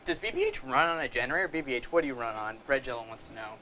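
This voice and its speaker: Lively upbeat male show host. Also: medium pitch, racing, slight background noise, poor audio. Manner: upbeat, reads viewer comments aloud. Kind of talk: casual live-stream chat.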